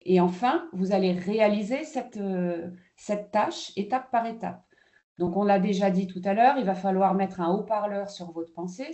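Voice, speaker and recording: A woman's voice: medium pitch, mellow. A woman kindergarten teacher presenting a training webinar, explaining the steps of a lesson with frequent hesitations and fillers.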